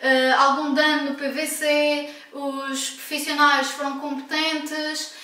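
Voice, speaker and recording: This European Portuguese vlogger speaks slowly in a high, sharp voice with little pitch movement, yet stays frank and emphatic, correcting herself along the way. The casual home vlog was captured from a distance in a room with echo.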